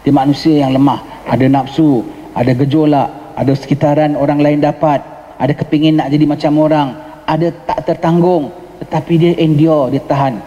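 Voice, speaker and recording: A man's voice: a little high, steady tone, normal speed, warm tone, highs cut off. A man with a Johor Malay accent gives a mosque lecture on a religious text, explaining patiently and asking the listeners questions. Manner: explains patiently, mixes in English words, asks the listeners "ha?". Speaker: religious teacher. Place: mosque hall. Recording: long hall reverb.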